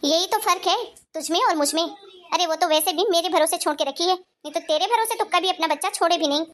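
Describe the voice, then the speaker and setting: A woman voicing a sharp-tongued grandmother and mother-in-law in a cartoon story, bossy and taunting. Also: extremely high pitch, fairly quick. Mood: scolding.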